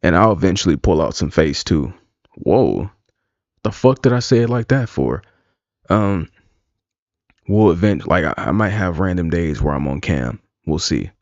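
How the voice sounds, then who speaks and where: A man's voice: low-pitched, expressive, normal speed, no room sound. A man streaming live, talking casually, rambling and bluntly profane. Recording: dull lo-fi dry sound.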